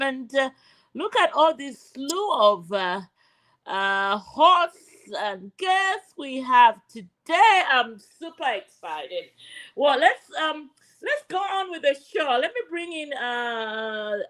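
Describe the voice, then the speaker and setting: A woman's voice: high voice, a bit bright. A woman with a Zambian accent casually hosting a live show in a playful, teasing way. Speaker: host.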